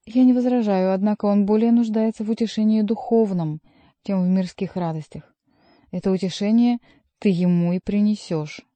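A woman's voice: mid-range voice, fairly even intonation, normal speed, warm tone, no room sound, natural voice. A woman voicing a stern male jester who scolds a monk, reading a storybook aloud. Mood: commanding.

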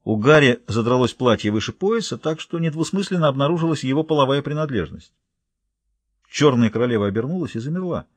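A man narrating a story in the first person, measured and even. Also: medium pitch, dry recording. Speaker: audiobook narrator.

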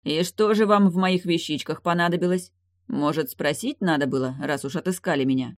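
A reader voicing a mocking young male warlock in an audiobook, speaking calmly and sardonically. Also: mid-range voice, a little fast, dry recording, studio quality, natural voice. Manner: sardonic, grinning.

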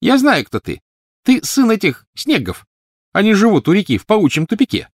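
A man doing a shrill scolding young girl. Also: wildly swooping pitch, moderate pace, husky, no room sound, clean studio sound, exaggerated voice. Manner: shrieking, scolding. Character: shrill disapproving older sister girl.

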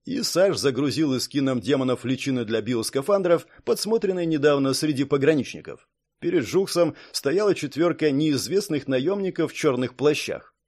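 A man narrates a fantasy audiobook in an even, measured way. His voice sits at a middle pitch. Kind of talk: scripted narration.

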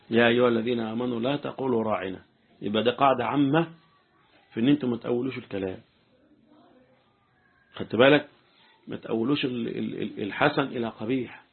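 An Egyptian sheikh gives a fast, chatty religious lesson, often checking that his listeners follow. His voice is slightly husky. The sound is thin and phone-like. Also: medium pitch. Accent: Egyptian Arabic. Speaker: sheikh teaching Quran commentary. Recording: tinny phone-like lo-fi recording.

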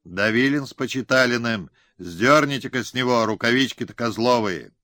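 A man's voice: medium pitch, moderate pace, pushed and bright, no echo, lightly acted. A man voicing a stern, lame Cossack ataman who scolds bluntly, in an audiobook. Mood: harsh. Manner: scornful, blunt. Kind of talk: audiobook character reading.

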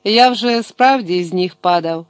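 A man's voice: high-pitched, unhurried, no room sound. A man voicing a worn-out, poor male scribe who speaks in a tired, plaintive way. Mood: humble. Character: weary poor male scribe, frozen and humble.

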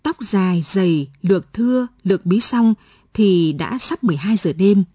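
A woman's voice: mid-range voice, expressive, normal speed, mellow, breathy edge, dry recording, clean studio sound. A woman narrating a late-night radio story, reading the characters' lines with small changes in her voice.

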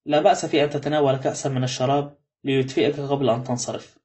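Curt, wary young gentleman for a storybook reading, as a male narrator puts him on; fast and firm. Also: mid-range voice, steady tone, natural voice.

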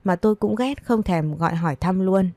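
A woman's voice: mid-range voice, brisk, warm tone, dry recording. A woman narrating a first-person family drama story, her retorts cutting and defiant.

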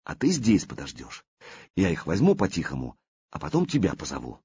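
A male reader voicing a bold, daring young warrior with a Norse accent, speaking low and calmly. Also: a little fast, slightly rough, no room sound, highs cut off, exaggerated voice. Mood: rueful. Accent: Norse-tinged Old Russian speech. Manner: low, steady, menacing calm.

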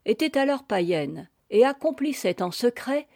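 A woman narrating a classic tale as an audiobook reader, in a slow, deliberate reading. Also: fairly high pitch, very animated, vocal fry, dark tone, no echo, studio quality. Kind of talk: scripted narration.

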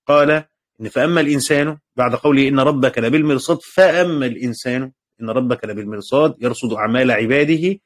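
A male teacher with an Egyptian Arabic accent works through a text commentary in a classroom lesson, his voice at an ordinary middle pitch. He moves between formal reading and casual explanation, repeats key phrases and stops often to ask whether his students follow.

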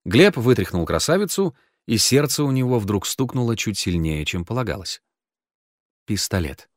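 A man narrates an audiobook with expressive, dramatic reading. His voice is fairly low but moves a lot in pitch. The sound is close and dry. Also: normal speed, dry recording. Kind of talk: scripted narration.

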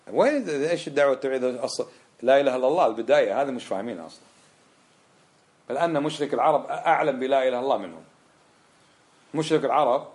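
Fast, fiery man. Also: mid-range voice. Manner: fiery, fires off rhetorical questions. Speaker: religious teacher. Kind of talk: impassioned religious lecture.

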